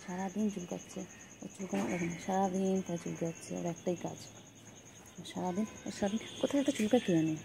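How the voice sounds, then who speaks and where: A woman's voice: fairly low pitch, fast talker, vocal fry, background noise. A woman filming her pet cat at home, talking to it in repetitive, sing-song baby talk.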